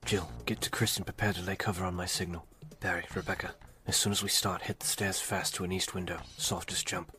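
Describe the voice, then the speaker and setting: A man voicing a terse male squad leader under fire, giving clipped, quick commands. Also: low-pitched, flat delivery, sharp tone. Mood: urgent. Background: music.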